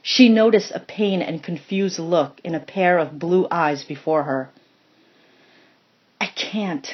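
A woman reading a story aloud in slow, measured, solemn narration. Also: lowish voice, highs cut off. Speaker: story reader. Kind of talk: scripted narration.

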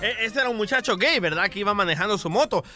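A man working as a radio comedian, telling jokes in an animated storytelling way. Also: high-pitched, fast, loud music behind the voice.

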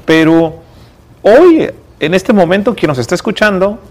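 A man's voice: sits high, animated, a little slow. A man hosting an interview podcast, asking earnest, probing questions. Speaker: podcast host.

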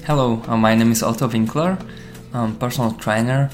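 A man from Slovakia recounts his path into fitness in English, his second language. He speaks at an ordinary mid pitch. His phrasing is non-native and thoughtful, full of fillers. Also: fairly even intonation, fairly quick, music in the background. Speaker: personal trainer. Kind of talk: interview storytelling.

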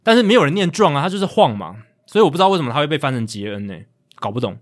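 Brisk Taiwanese man hosting, walks through numbers in casual chat. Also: mid-range voice, big pitch swings. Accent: Taiwanese Mandarin. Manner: reads out stats, explains, with asides. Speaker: podcast host.

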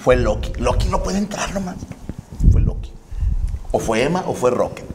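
A man's voice: mid-range voice, lively intonation, normal speed, background noise. A man with a Mexican accent, co-hosting a casual comedic chat and joking through stories full of slang. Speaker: podcast co-host.

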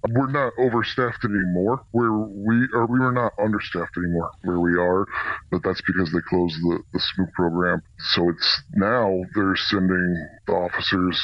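A man working as a corrections officer answers radio interview questions in a plain-spoken, halting way, his voice disguised to sound deeper. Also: steady tone, no echo, muffled recording. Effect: voice disguised to protect anonymity, deepened. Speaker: corrections officer, senior officer specialist.

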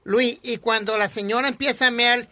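A man telling a story quickly in casual radio chat. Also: extremely high pitch, steady tone, pushed and bright, dry recording. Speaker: radio show co-host.

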